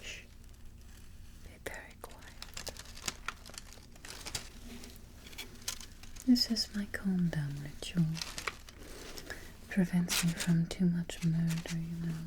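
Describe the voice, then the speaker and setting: A woman playing an imperious, fussy, vain evil queen in a darkly comic ASMR roleplay, with a soft, breathy near-whisper, close to the microphone and haughty in her phrasing. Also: on the low side, fairly even intonation, background noise. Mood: calm, menacing. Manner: deliberate, haughty, formal phrasing.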